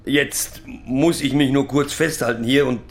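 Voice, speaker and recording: A male actor with a medium-pitched, steady voice gives a lightly acted theatrical monologue as a rambling, proudly sentimental middle-aged pub drinker. He lectures and recites poetry haltingly, correcting himself as he goes.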